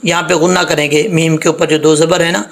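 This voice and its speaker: A man teaching Quran recitation step by step. He patiently corrects common mistakes and spells out letters, drawing the sounds out slowly. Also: fairly high pitch, flat delivery, gravelly. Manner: spells out letters and drags out sounds in slow demonstration.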